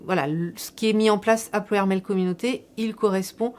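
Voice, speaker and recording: With slight background noise, a local elected official, a woman, describes a public project in a steady, medium-pitched, somewhat mellow voice. She sounds measured and partly rehearsed, repeating certain words to stress them.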